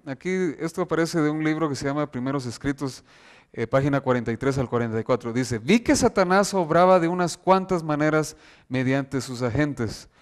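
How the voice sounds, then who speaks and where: A man preaching an earnest sermon, reading scripture aloud from slides and slowing down to stress key verses. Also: a little high.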